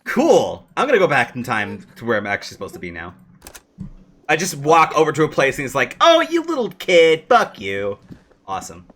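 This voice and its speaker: A man streaming a video game, talking casually in an excitable, joking, profane way. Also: mid-range voice, fast talker, breathy edge.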